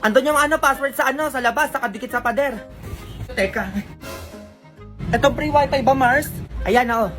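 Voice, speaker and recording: A woman's voice: sits high, moderate pace, pauses often. A woman from the Philippines performing brash, bickering comedy skit dialogue, teasing and scolding. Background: background music.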